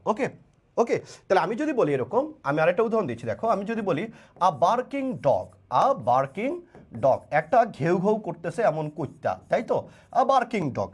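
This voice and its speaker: A male tutor with a high, very animated voice, speaking. He runs a live online class in a playful, coaxing way and calls his students by name.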